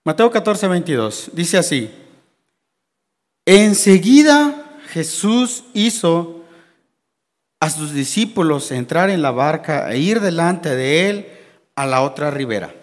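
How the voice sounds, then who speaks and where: Slow, high-voiced Mexican man teaching scripture. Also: very animated. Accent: Mexican Spanish. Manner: reads scripture slowly, then explains with questions to the congregation. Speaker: Bible class teacher. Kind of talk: Bible class teaching. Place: church hall. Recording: long reverb of a church hall.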